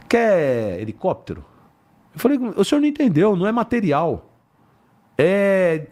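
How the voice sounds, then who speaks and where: A man's voice: a little high, darkish tone. An older man, a retired police officer telling a story in a podcast interview, acting out the dialogue and swearing casually. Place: podcast studio.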